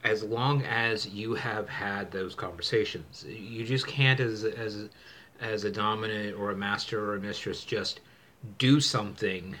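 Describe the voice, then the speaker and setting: A man's voice: fairly low pitch, fairly even intonation, a little slow, sharp tone, a little hiss or hum. A man hosting a casual chat, rambling with many restarts and fillers. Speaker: channel host.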